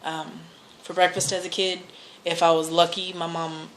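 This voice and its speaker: A woman's voice: fairly low pitch, flat delivery, moderate pace, poor audio. An American woman chatting casually and answering questions, rambling and hesitant as she corrects herself. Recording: noticeable background noise.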